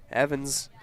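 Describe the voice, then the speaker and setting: A man doing play-by-play for a local radio softball game, calm and unhurried with casual fillers, lifting his voice on big plays. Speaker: play-by-play announcer.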